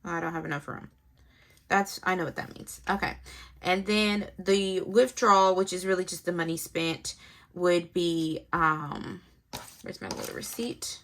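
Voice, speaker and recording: A young woman talks through her planner setup in a casual, chatty way, half-muttering figures as she writes. Her fairly low voice has a gravelly edge, yet it sounds bright and forceful. Faint noise sits under the recording. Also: fairly even intonation, measured pace. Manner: chatty, thinks aloud while writing, mutters numbers to herself. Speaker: planner vlogger.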